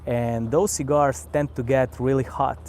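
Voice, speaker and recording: A man with a Croatian accent hosting a casual live stream outdoors, relaxed and unhurried, often repeating words as he thinks. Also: mid-range voice, a little hiss or hum. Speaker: cigar channel host. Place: outdoors on a vacation island by the sea.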